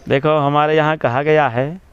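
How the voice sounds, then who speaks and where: A man, a religious preacher, explaining devotion in an interview in a measured way, slowing down to recite verses and repeating key phrases. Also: a little high, fairly even intonation, dull audio. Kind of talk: devotional explanation in a press talk.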